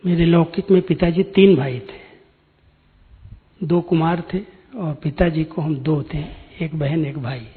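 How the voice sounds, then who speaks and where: A man's voice: a little high, fairly even intonation, a little slow, pauses often. A man, giving a spiritual discourse and telling his own story in an earnest, direct way. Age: 60s. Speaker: spiritual speaker. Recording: tinny phone-like sound in a hall with long reverb.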